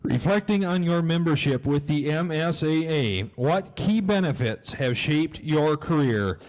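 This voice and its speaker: A man's voice: fairly high pitch, animated, unhurried, darkish tone, poor audio. A man reading prepared interview questions aloud as a competition interviewer.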